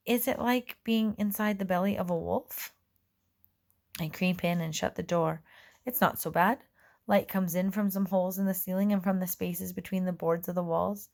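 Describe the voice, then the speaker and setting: A woman narrating a children's storybook in the first person, in a gentle, measured way. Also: on the low side, gravelly. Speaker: audiobook reader.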